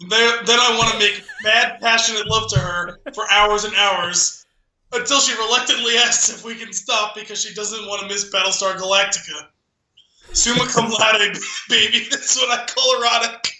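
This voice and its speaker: A high-pitched man speaks at normal speed with a steady, bright, forceful tone while co-hosting a podcast. Amused, he laughs often during a dramatic poem reading and casual chat. The rough recording is reverberant, with slight background noise.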